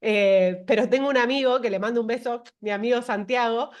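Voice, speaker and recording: A woman hosting an interview in a chatty, playful way. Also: on the high side. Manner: chatty, playful, quick to laugh. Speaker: interview host. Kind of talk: casual interview chat.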